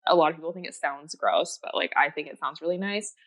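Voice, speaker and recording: Her voice sits low and she talks fast: a Japanese-native woman guesting on a podcast, chatting with rambling enthusiasm, many fillers and frequent restarts.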